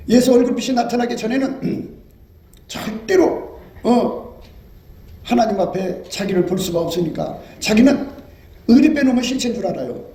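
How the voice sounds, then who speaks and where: A man preaching an impassioned sermon in a high, mellow voice. He acts out pleading prayers as he goes, and the room around him is echoey. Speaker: pastor. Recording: roomy echo.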